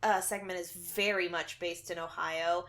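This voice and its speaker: A woman's voice: fairly low pitch, fairly even intonation, normal speed, a bit bright. A young woman co-hosting a podcast, chatting casually about a horror film and rambling with lots of fillers. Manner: rambling, heavy on 'um' and 'like'. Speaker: podcast co-host. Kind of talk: casual film review chat.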